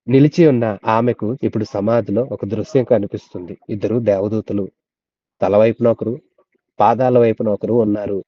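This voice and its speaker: A man preaching a Bible study sermon, retelling the story earnestly and dropping to soft, low tones at key moments. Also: no room sound, highs cut off.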